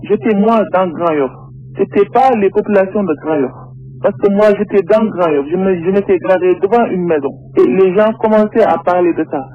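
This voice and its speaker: A man's voice: high voice, brisk. A man with his voice disguised by a voice changer, giving hesitant eyewitness testimony over the phone and stumbling on repeated words. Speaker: anonymous eyewitness caller. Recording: narrow phone line.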